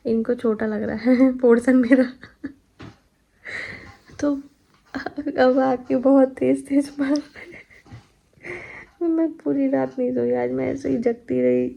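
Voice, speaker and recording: Tired young woman with a gravelly voice. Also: fairly high pitch, dark tone, low-quality recording. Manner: chatty, laughing, recounting daily life. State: heavily pregnant and tired. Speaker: vlogger. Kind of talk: casual chat. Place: home.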